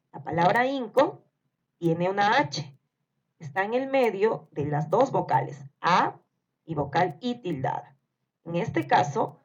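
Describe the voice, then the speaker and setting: A woman teaching a grammar lesson, speaking slowly and deliberately and spelling out syllables one by one. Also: mid-range voice, a little mellow, breathy edge. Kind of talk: scripted grammar lesson narration. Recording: dull lo-fi recording.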